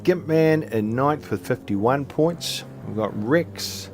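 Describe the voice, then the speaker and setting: A man's voice: medium pitch, lively intonation, slow pace, music in the background. A man co-hosting a sim racing stream, talking in a loose, chatty way with lots of fillers and self-deprecating asides. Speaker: co-host doing the visuals.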